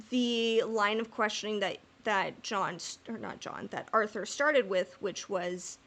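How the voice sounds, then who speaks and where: A woman with a medium-pitched, sharp-toned voice co-hosts a podcast, joining a casual fan discussion in a playful, rambling and informal way.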